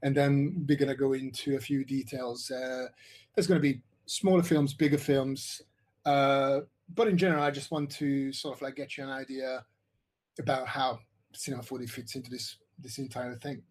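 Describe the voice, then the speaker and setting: A man's voice: mid-range voice, fairly even intonation, moderate pace. A middle-aged man from Hungary giving an online workshop presentation on visual effects, rambling with many fillers and restarts over a computer mic.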